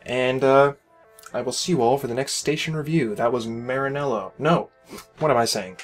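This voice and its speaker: Faint music plays behind a game station reviewer who, tired and losing his voice, gives rambling, casual commentary on a space station built by a player, critical but encouraging and filled with "uh" and "you know." His pitch is medium and his pace moderate.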